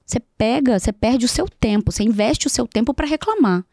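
A woman's voice: fairly high pitch, lively intonation, vocal fry, darkish tone, no echo. Emphatic woman, dry close sound. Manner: emphatic, repeats key phrases, slows for recitation. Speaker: podcast guest, HR expert. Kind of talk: conversational interview talk. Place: podcast studio.

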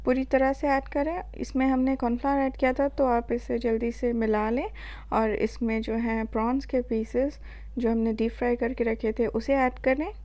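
Indian woman, cooking channel host, high mellow voice, calm step-by-step voice-over. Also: muffled recording. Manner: calm step-by-step instructions with filler pauses.

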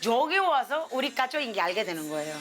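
A woman's voice: a little high, sing-song, fairly quick, a bit bright. A woman from Colombia, a native Spanish speaker with a Colombian accent, chatting casually and expressively. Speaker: featured subject of a documentary. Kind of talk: casual chat to camera. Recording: background music under the voice.

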